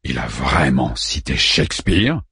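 A man voicing a huge male robot in an audiobook, asking low, calm questions. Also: measured pace, gravelly, breathy edge, no room sound, clean studio sound, heavily acted. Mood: curious.

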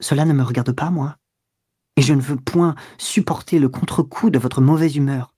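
A quick-tempered young woman in an audiobook, clipped and scornful in her replies, as a man reads her lines. Her voice sits higher than the narration and snaps at each word. The reading is close and dry, with no room sound at all. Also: steady tone, a little mellow, dry recording, lightly acted. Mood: cold. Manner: cold, curt, disdainful replies. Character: spirited young woman, proud, quick to anger. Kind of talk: audiobook dialogue.

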